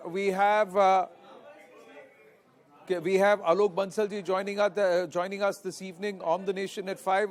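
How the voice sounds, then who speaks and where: A man with an Indian accent anchoring live news from a newsroom, stressing and repeating key phrases emphatically. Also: high voice.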